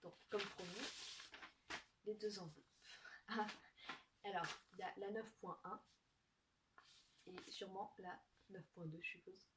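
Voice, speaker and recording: A young woman chatting casually to camera as she opens gifts, soft-spoken and giggly, thinking aloud. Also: mid-range voice, steady tone, unhurried, pauses often. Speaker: vlogger opening gifts. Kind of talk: casual unboxing chat to camera. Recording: distant mic with faint noise.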